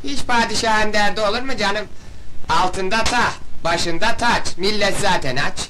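An actor playing a cheeky, plucky young peasant folk hero in an old comedy film. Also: male voice, high voice, unhurried. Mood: cheeky, curious. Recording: noisy old film soundtrack with clicks.

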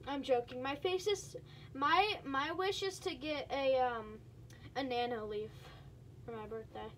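A high-pitched female gamer talks her viewers through a match in a loose, chatty way. She bursts into quick exclamations as things happen on screen, and her voice sits well above the usual range. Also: a bit bright, a little hiss or hum. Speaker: gaming streamer. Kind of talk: casual gameplay commentary.

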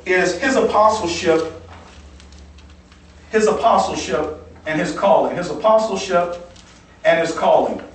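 A male pastor teaching from the Bible in a sermon, repeating key phrases and checking in with "okay?". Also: high voice. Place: church sanctuary. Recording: echoey church hall from far off.

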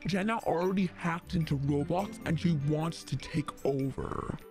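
A man voicing Jane's role, a casual young homeowner hosting friends, reading game role-play dialogue in a deliberate way. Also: on the high side, over music, pitched above the performer's own voice, close to an everyday voice. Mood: casual, earnest.

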